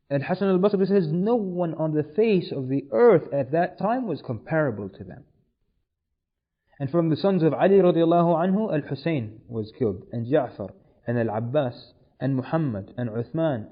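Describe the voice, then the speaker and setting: A man giving a storytelling history lecture, retelling events dramatically and raising his intensity when he quotes people. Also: mid-range voice. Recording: dull lo-fi recording.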